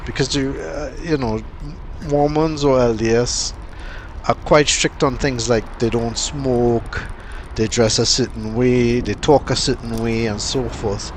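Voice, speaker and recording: Man, casual vlog commentary, unhurried, filler-heavy, medium pitch. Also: steady tone, slight background noise. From Trinidad. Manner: unhurried, chatty, many fillers and pauses. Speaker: cycling vlogger.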